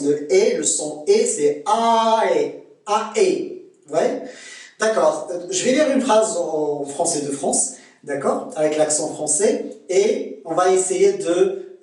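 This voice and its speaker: Slow French teacher in an echoey room. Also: male voice, fairly high pitch, a little mellow, far from the mic. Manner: slow, repeats words for pronunciation. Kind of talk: pronunciation lesson.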